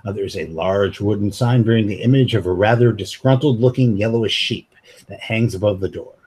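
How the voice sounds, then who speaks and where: A man's voice: fairly low pitch, brisk, darkish tone, husky. A man narrating as game master of a tabletop game, hesitant and full of fillers.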